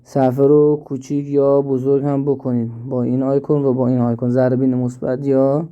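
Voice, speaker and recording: A man teaching an app step by step, slowly and with repeats, in a screen-recorded tutorial. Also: medium pitch, level tone, smooth, muffled recording. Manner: slow step-by-step explaining, repeats himself. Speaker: instructor.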